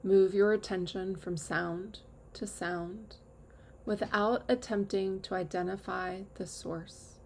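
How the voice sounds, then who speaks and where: Slow, very creaky-voiced woman guiding meditation. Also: mid-range voice, slight background noise. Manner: calm, measured instruction with long pauses. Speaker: yoga nidra teacher. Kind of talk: guided meditation.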